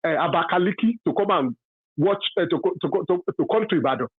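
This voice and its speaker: A man in his fifties from Nigeria with a Yoruba accent, calling in to a radio talk show to give his opinion, halting and full of fillers, then emphatic. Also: high voice, expressive, husky, dry recording, soft background music. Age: 50s. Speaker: caller. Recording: dry tinny phone line.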